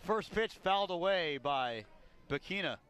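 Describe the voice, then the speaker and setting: At an outdoor ballpark, a male broadcaster calls baseball play-by-play on the radio with a measured delivery that builds on big plays. His voice is high, expressive and a bit bright.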